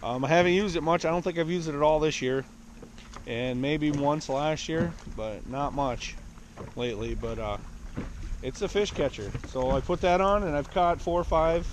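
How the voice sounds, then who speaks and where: 30s guy rambling about his fishing day, kinda high voice, wind and water noise all around. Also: moderate pace. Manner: laid-back, rambling, plain-spoken. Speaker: fishing vlogger. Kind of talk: casual chat to camera. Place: small boat on a lake, outdoors, then inside a truck. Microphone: action camera close by.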